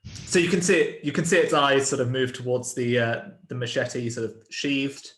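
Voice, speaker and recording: A man's voice: mid-range voice, normal speed, fairly bright tone. Hesitant male game master, echoey room. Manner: hesitant, many fillers and "sort of". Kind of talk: narrating a tabletop game.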